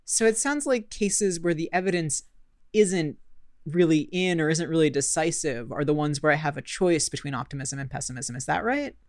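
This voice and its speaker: A woman co-hosting a radio talk show, introducing the guest and asking clear, probing questions. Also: low-pitched, moderate pace, no echo, clean studio sound. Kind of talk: radio interview conversation.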